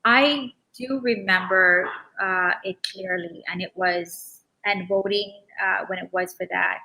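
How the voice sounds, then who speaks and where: A woman's voice: medium pitch, fairly even intonation, slow pace, sharp tone, poor audio. A middle-aged woman from the Bahamas, a guest in a casual interview, talking earnestly with frequent restarts.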